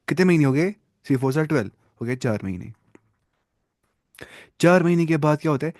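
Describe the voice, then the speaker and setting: A man's voice: on the high side, animated, darkish tone, no room sound, clean studio sound. Man teaching a hadith lesson. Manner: explains with questions and recaps.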